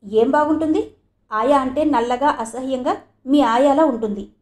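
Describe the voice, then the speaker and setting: A woman's voice: high-pitched, normal speed, darkish tone, echoey room, lightly acted. A woman voicing a small, bold and stubborn boy in an audio novel, talking earnestly and insistently. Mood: earnest child.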